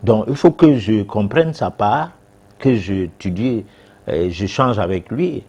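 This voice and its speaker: Man, low husky voice, TV show guest expert, hesitant with fillers. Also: animated, unhurried, warm tone, dull audio. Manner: hesitant, many fillers and restarts. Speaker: guest expert answering viewers. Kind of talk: TV talk show advice.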